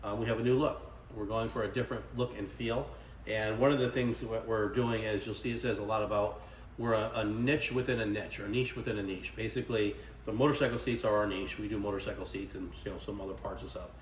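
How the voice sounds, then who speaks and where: A man talks in a loose, rambling way, full of fillers and asides. His voice sits a little low and sounds slightly hoarse, as if he is getting over an illness. Faint noise hums behind him in the workshop. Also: fairly even intonation, fast. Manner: rambling, conversational, lots of fillers. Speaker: custom motorcycle seat maker. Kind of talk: casual workshop vlog talk.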